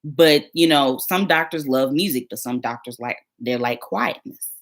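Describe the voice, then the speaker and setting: A woman's voice: a bass voice, moderate pace. A young woman, chatting casually on a livestream as a new surgical tech, talking straight to her viewers and laughing often.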